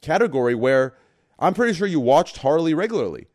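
A man's voice: on the high side, big pitch swings, fairly quick, a little mellow. A man of thirty hosting a casual voice-call chat, teasing his friends and swearing casually. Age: 30s. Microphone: online voice call.

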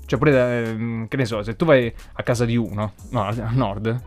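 A man's voice: medium pitch, steady tone, moderate pace, a little mellow, faint music behind. A man from southern Italy co-hosting a casual, joking chat, rambling and laughing often. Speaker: podcast co-host.

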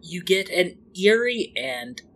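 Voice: medium pitch, slow pace, gravelly, a bit bright. A game master narrating a tabletop role-playing game and putting questions to the players. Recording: faint background noise.

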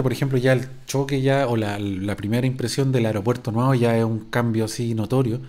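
A man's voice: medium pitch, darkish tone. A middle-aged Chilean man with a Chilean accent, chatting casually on his podcast, rambling and slangy with frequent restarts. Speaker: podcast host. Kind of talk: casual chat answering listener questions.

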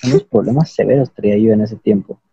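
A man's voice: on the low side, brisk, gravelly, dark tone, dull audio, a little hiss or hum. A young man with a Mexican accent telling a rambling, slangy, self-mocking story to friends on a call.

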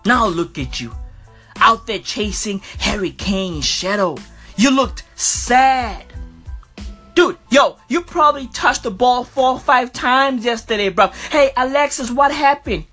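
A man with a bright, punchy voice delivers a taunting sports rant as a podcast host. He talks in heavy slang and hammers phrases by repeating them. Music plays behind him. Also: very high-pitched, a little slow. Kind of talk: animated sports fan rant.

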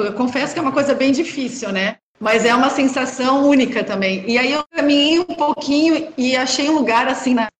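A woman, a journalist and runner, telling stories in a chatty, animated way as an interview guest. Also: high-pitched, reverberant, a little hiss or hum. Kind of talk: casual interview chat.

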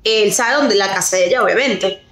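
A young woman with a Venezuelan accent, co-hosting a podcast and telling a story in animated casual chat, slipping English words into her Spanish. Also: medium pitch, moderate pace. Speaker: podcast co-host. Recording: roomy echo.

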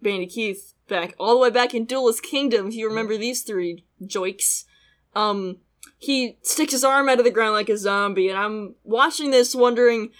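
A woman's voice: on the high side, normal speed. A woman co-hosting a podcast, recapping an anime episode in casual, sarcastic chat, often laughing and swearing now and then. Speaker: podcast co-host.

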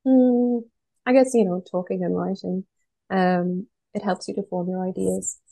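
A woman's voice: mid-range voice, fairly even intonation, a little slow, creaky, warm tone, low-quality recording. A woman with a west of Ireland accent gives thoughtful, pragmatic answers as an interview guest. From Galway, west of Ireland. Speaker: interview guest, art curator.

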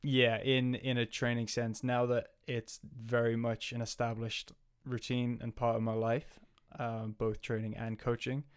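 A man of medium pitch who works as a coach, chatting casually. He rambles, restarts his sentences and feels his way toward his point. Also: little pitch movement, a little slow, hardly any pauses, clear, resonant tone. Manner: rambling, with many fillers and restarts. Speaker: guest, coach. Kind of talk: casual chat.

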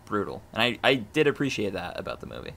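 A man co-hosting a casual movie review chat, relaxed and hesitant, with many fillers. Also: lowish voice, fast, vocal fry. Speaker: podcast co-host.

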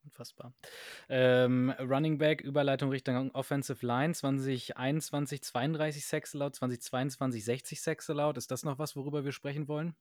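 A man's voice: medium pitch, fairly quick, no room sound, clean studio sound. Incredulous man in casual sports chat. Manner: animated, exclaims in disbelief. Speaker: podcast co-host.

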